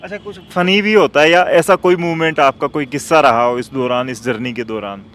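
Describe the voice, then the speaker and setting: A man's voice: medium pitch, fairly quick, fairly bright tone. A man interviewing two young women, asking friendly, teasing questions. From Haryana, India.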